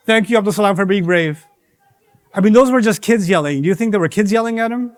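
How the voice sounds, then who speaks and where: A man's voice: high voice, fast, no room sound, clean studio sound. A man giving an interactive religious lesson to young people in a mosque, playful and teasing, acting out bits of dialogue. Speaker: teacher of young audience.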